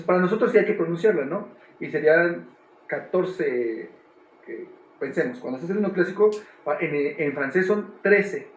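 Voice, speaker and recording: A man's voice: fairly high pitch, muffled recording. A man, a theater director, explaining his work thoughtfully with frequent restarts. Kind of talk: explaining in a talk. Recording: echoey room.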